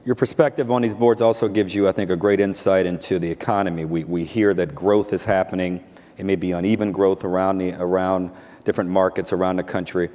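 A man interviewing a guest on a conference stage, asking long, measured questions. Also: deep voice, steady tone, warm tone. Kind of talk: onstage interview. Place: large conference hall stage. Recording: long hall reverb.

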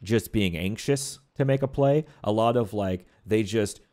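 A man's voice: lowish voice, measured pace, darkish tone. A young man doing live esports commentary, talking through plays in a casual, analytical way with lots of fillers.

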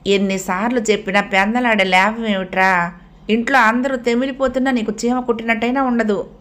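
A woman's voice: on the high side, steady tone, fairly quick, fairly bright tone, natural voice. A woman reading the lines of an irritated mother who scolds her lazy son awake. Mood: scolding. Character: stern scolding middle-aged mother.

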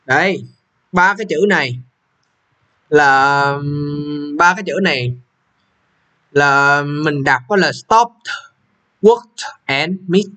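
A man's voice: a little high, slow, long pauses, bright, forceful tone. A young man, walking students through an English exam, repeating question numbers and checking they follow. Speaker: English teacher. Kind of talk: exam walkthrough lesson.

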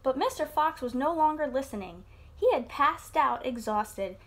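Lively woman reading a storybook aloud. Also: high-pitched, normal speed, noisy background. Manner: expressive, storyteller's lilt. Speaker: teacher. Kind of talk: reading a picture book aloud to a child. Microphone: computer mic on an online class.

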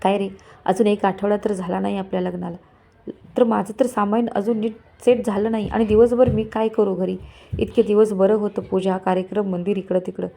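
A woman's voice: mid-range voice, flat delivery, a little fast, gravelly, mellow. A woman reading the part of a chatty, newly married young bride in a storybook tale. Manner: chatty, questioning.

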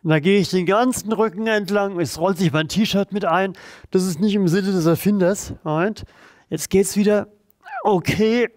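Calm man coaching a stretch routine. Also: high-pitched, normal speed, no room sound, clean studio sound. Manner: calm, encouraging, talks while doing the moves. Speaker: therapy coach leading exercises. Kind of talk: guided exercise instruction.

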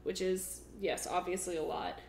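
A woman's voice: fairly low pitch, level tone, normal speed, vocal fry, a little mellow. A young woman co-hosting a podcast, telling a history story in a loose, chatty way that often breaks into giggles. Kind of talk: casual storytelling chat. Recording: roomy recording with faint noise.

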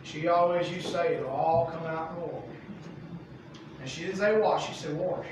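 A man teaching a Bible study as pastor, folksy and animated, reading verses and acting out the characters' voices. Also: fairly high pitch, moderate pace, noisy background. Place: church sanctuary. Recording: echoey room mic from far off.

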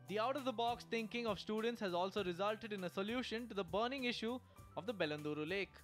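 A man's voice: sits high, fairly bright tone. A man reading a scripted news voice-over in a punchy, upbeat way. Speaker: news reporter.

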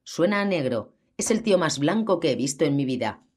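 A woman's voice: low-pitched, very animated, a little fast, darkish tone, slightly rough, heavily acted. Woman voicing a crude, mocking young man. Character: foul-mouthed young Irish-American man, mocking.

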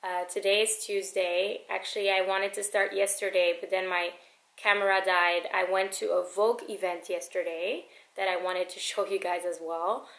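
A woman in her thirties vlogs casually to camera from her home kitchen, filling her talk with plenty of ums and uhs. Her voice is on the low side with vocal fry and a bit of brightness, and the room sounds echoey.

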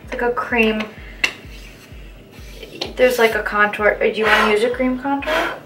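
A young adult woman, a guest makeup artist, talks casually through the products she's putting on while seated at a table in a small indoor room. Her voice is on the high side, fairly even and measured, picked up by a camera a few feet away with music and clinking in the background.

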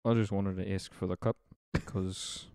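A man's voice: deep voice, flat delivery, moderate pace, a little mellow, smooth, no room sound, studio quality, pitched below the performer's own voice. A man putting on a as a timid, mumbling musician.

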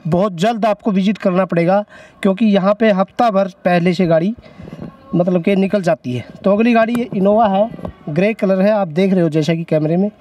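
A man in his thirties with a high voice, talking into a handheld mic out in the open air. He hypes up each deal like a salesman, repeating the key prices for emphasis as he hosts the show. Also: normal speed, dark tone, a little hiss or hum. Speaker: host of a used-car video. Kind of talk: energetic promotional interview. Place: outdoor used-car lot.

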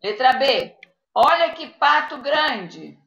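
A primary school teacher with a Brazilian Portuguese accent teaches young children in a live online class, dictating patiently and checking in often. Her high-pitched, fairly bright voice is very animated and slow, with vocal fry. The video-call audio is echoey and muffled.

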